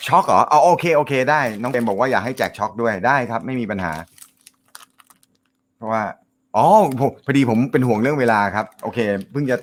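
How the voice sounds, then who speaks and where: A man hosting a casual live stream, reading viewer comments, with a naturally loud voice and a joking, chatty manner. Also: medium pitch, a little fast. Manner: joking, laughs often, chatty. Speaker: host of a snooker live show.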